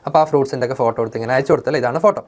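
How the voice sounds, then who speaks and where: A Sanskrit teacher, explaining an online lesson in an animated way and answering their own questions. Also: mid-range voice, rapid-fire.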